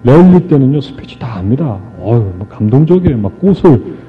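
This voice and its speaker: A middle-aged man giving an animated storytelling speech to a live audience, joking with the crowd and acting out conversations. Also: medium pitch, a little fast. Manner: animated, re-enacts dialogue and jokes with the crowd. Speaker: motivational speaker. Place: stage before a live audience. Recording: tinny lo-fi archive recording with faint music.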